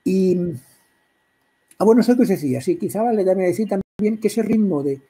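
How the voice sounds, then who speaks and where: A middle-aged man with a Catalan accent gives an informal talk to a writers' group. His voice is husky and mellow, and he restarts his phrases and clears his throat often. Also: sits high, lively intonation, brisk, low-quality recording. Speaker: workshop speaker on poetry.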